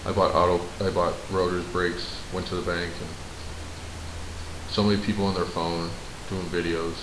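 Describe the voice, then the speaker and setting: A man's voice: deep voice, flat delivery, normal speed. A man co-hosting a casual podcast, blunt and joking, swearing freely. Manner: blunt, swears, dry jokes. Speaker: podcast co-host. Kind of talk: casual chat. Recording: echoey room, clear background noise.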